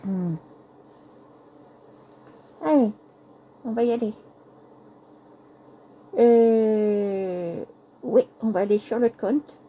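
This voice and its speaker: A woman hosting a casual live craft stream, hoarse with a cracking voice, speaking softly and apologizing often while repeating herself. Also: mid-range voice, drawn-out words, long pauses, dull audio.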